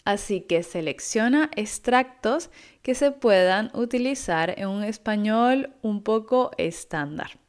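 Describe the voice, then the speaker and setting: A woman giving an online Spanish lesson in a clear, patient, instructive way. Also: mid-range voice, animated, slow pace, a little mellow. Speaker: Spanish teacher.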